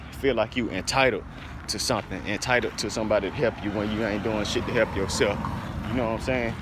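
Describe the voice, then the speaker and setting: A young American man talking bluntly and emphatically in a casual, slangy, profane vlog, recorded on a phone while walking outdoors. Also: medium pitch. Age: young adult. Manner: blunt, emphatic, repeating catchphrases. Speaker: vlogger. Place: outdoors, walking along a street. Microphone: phone held at arm's length. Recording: noisy outdoor recording with traffic.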